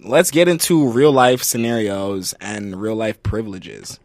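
A young man chatting casually as a podcast host, rambling excitably with street slang and swearing. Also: on the low side, measured pace, no room sound. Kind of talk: casual chat.

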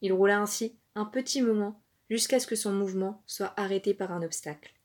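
A woman narrating an African folk tale for children in a calm, expressive storytelling voice. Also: medium pitch, a little fast.

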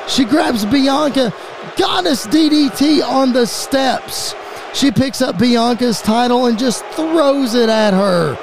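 A man calling a fantasy wrestling show as play-by-play commentator, rapid-fire and rising to excited shouts at the big moments. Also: very high-pitched, vocal fry, crowd noise, noisy background.

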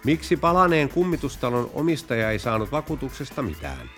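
Guy hosting a joke podcast, deadpan but really lively pitch. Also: faint music behind. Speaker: podcast host. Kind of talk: joke telling.

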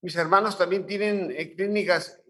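High, bright-voiced Mexican man telling stories. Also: steady tone, normal speed. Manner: coarse slangy speech with many restarts. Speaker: guest. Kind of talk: casual interview storytelling.

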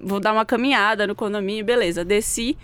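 A woman telling a neighbor story in casual podcast chat, animated and acting out shouted quotes. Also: medium pitch, fast talker, clean tone.

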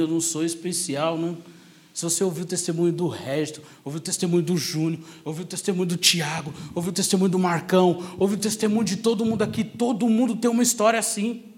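A man with a São Paulo Brazilian accent preaches a sermon built on his personal testimony, sounding conversational yet emphatic. His voice sits on the high side, and he repeats key phrases for effect.

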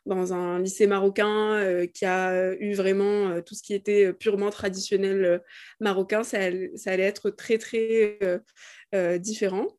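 A woman's voice: medium pitch, little pitch movement, normal speed, a little mellow. A woman in her twenties from Morocco, a guest in a casual podcast discussion, speaking thoughtfully with many hesitations. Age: 20s.

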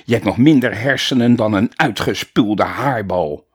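A man's voice: fairly low pitch, normal speed, slightly rough. A man doing a huge roaring schoolteacher. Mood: bellowing, furious. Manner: roaring insults. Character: huge bellowing furious male schoolteacher. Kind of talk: children's audiobook reading.

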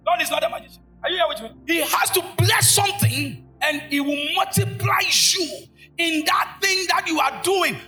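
Pastor yelling a sermon at church, super high sharp voice, call and response stuff. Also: male voice, moderate pace, faint music behind. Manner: shouting, call-and-response preaching. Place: church service.

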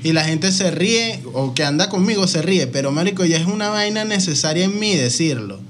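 A Venezuelan man talking loosely and slangily in a friendly podcast chat. His voice sits a little high for a man. A faint hiss of noise sits under it. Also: animated, fairly quick. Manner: slangy, peppers speech with "marico". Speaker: podcast co-host. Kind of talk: casual chat.

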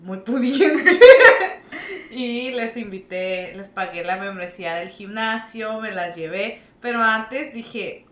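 A woman's voice: on the high side, animated, takes it slowly, fairly bright tone. Laughing Mexican woman telling a story. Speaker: co-host. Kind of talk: casual storytelling chat. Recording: echoey room.

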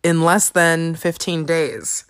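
Thirty-something lady hosting a chatty podcast, slightly low voice, giggly and rambly. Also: slow, clear, resonant tone. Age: 30s. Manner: giggly, rambling, animated storytelling. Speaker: podcast host. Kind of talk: casual chat.

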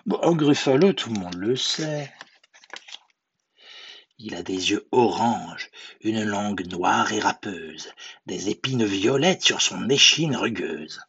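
Man putting on a high, bouncy little mouse voice, clever and cocky, dull lo-fi storybook recording. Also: slow, husky, full character voice. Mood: boastful. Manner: lively, playful. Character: small clever bold mouse.

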